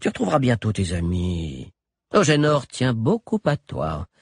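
A man's voice: fairly low pitch, wildly swooping pitch, measured pace, breathy edge, no room sound, studio quality, full character voice. A man playing a smiling, honeyed doctor who talks down to his patient like a child. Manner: sugary, reassuring, condescending. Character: smiling honeyed male doctor, creepily soothing.

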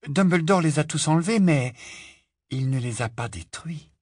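A man's voice: fairly high pitch, expressive, moderate pace, a little mellow, slightly rough, no room sound, studio quality, voice pushed up. A man voicing an anxious, studious teenage girl witch who stammers and pleads. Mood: earnest.

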